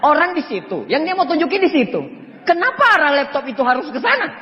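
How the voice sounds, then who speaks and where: Animated storyteller man in an echoey hall. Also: very high voice, quick pace, a little hiss or hum. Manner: acts out both sides of the story, laughing, shouting quoted lines. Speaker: motivational speaker. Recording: echoey hall, dull sound.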